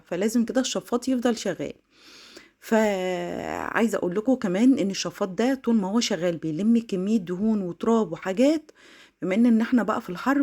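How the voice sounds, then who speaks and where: A young woman with an Egyptian Arabic accent, talking to her viewers in a chatty cleaning vlog. She rushes and laughs as she speaks. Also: mid-range voice. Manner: fast, excitable, laughing, addresses viewers directly. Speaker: home vlogger.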